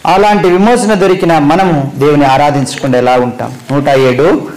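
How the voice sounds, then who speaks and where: In a rough recording, a man with a fairly high, steady, slightly mellow voice preaches a Christmas sermon at normal speed. He emphatically poses questions to the congregation and answers them himself. He repeats phrases for stress, his voice rising and then dropping at the end of lines.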